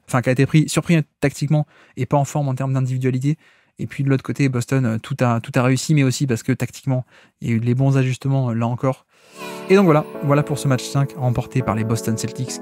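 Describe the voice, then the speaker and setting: A man's voice: mid-range voice, darkish tone, no echo, studio quality. A man hosting a solo basketball podcast, explaining game tactics step by step in unscripted, analytical talk.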